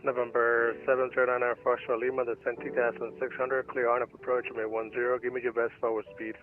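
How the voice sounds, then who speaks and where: A man's voice: medium pitch, little pitch movement, fast. A man working as an air traffic controller, giving clipped instructions in standard phraseology through a radio filter. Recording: muffled radio audio with music behind.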